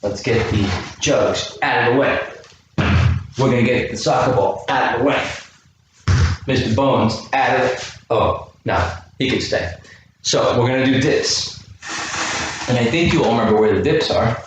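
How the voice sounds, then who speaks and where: At a normal speed and with a mid-range voice, a man runs a kids' home workout, calling out rep counts and encouraging questions as their youth fitness coach. The camera mic sits far off in an indoor room with a chair, leaving the recording very echoey with faint noise.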